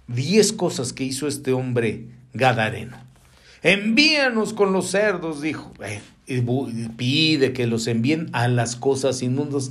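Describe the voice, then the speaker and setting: A man preaching a sermon, animated, leaping up in pitch and dropping to hushed asides, calling the listeners brother.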